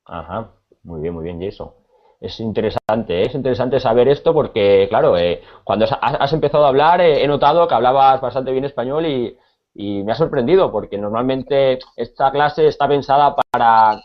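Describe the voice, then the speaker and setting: A Spanish man with a Spanish accent teaches a conversational Spanish lesson, pausing often and leaning on fillers and repeated words. His voice is mid-range, and the recording has its highs cut off.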